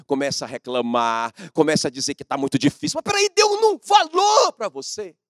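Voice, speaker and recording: A man's voice: high-pitched, no echo, studio quality. A middle-aged man preaching a sermon as a pastor, asking the congregation questions and calling for responses.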